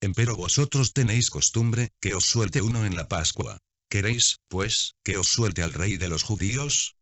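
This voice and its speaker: A man reading scripture aloud in a measured, steady way, as scripted narration. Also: on the low side, dry recording. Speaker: Bible reader. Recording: dull, dry lo-fi recording.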